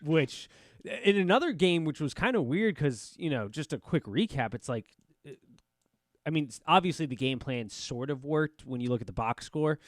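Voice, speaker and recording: A man's voice: on the high side, animated, normal speed, no echo, studio quality. A man hosting a casual sports betting podcast, talking loosely with lots of fillers and restarts. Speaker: podcast host.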